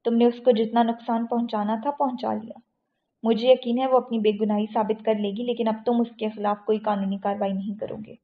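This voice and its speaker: A woman's voice: a little high, steady tone, vocal fry. A woman voicing a stern, powerful tycoon. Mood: angry. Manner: commanding, stern. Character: powerful angry middle-aged male tycoon. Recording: tinny phone-like audio.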